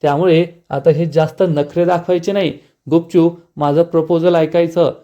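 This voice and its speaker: A man's voice: a little high, fairly even intonation, normal speed, mellow, highs cut off, close to an everyday voice. A man voicing a brash, pushy young suitor from a TV serial, speaking in a boastful, bullying way.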